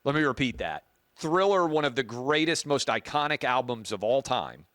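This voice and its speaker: Animated and a bit bright, a booming-voiced man hosts a talk show at a moderate pace, pressing his opinions emphatically and repeating his main points for effect. The recording is dry.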